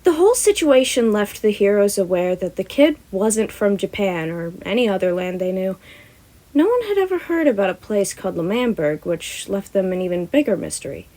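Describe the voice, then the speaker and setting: A young woman with a warm, medium-pitched, sing-song voice introduces her podfic channel in a casual, chatty way and then narrates a story at a moderate pace. The audio is poor, and her amateur reading includes occasional stumbles that she corrects.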